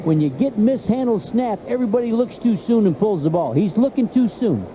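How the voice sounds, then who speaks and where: A man works as color commentator on a live football game. He is conversational and emphatic, often repeating a point, in a fairly high voice. Stadium noise runs clearly behind him. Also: very animated, a little fast. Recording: noisy stadium broadcast.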